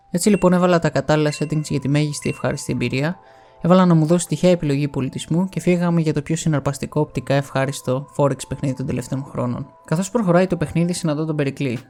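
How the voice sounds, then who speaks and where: A man from Greece narrates a scripted video essay with wry, explanatory delivery. His voice is somewhat high for a man yet mellow and dark in color, with faint music underneath.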